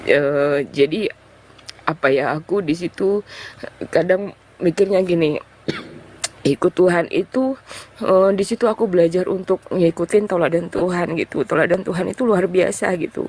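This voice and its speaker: A young woman telling her conversion testimony in an interview, talking in a loose, halting way full of fillers. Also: lowish voice, a little mellow, slightly rough. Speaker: guest sharing a conversion testimony.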